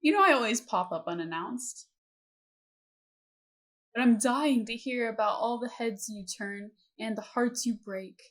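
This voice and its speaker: A woman's voice: fairly high pitch, a little slow. A woman reading aloud as a playful, prying aunt who teases her niece about boys, in an affectionate, nosy manner. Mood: teasing. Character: teasing, nosy adult aunt.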